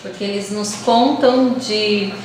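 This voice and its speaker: A woman's voice: mid-range voice, fairly even intonation, slow, a little mellow, a little hiss or hum. A woman on a theater project adding short remarks in a casual conversation. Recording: echoey room, distant mic.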